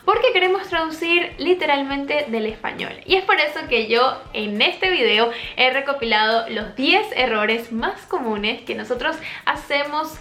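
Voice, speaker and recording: A woman from Latin America gives an online language lesson in a high, bright-pitched voice. She speaks slowly and patiently, and the sound carries some room echo with soft music faintly behind her. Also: expressive. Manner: clear, patient explaining with slowed-down example words. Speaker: English teacher.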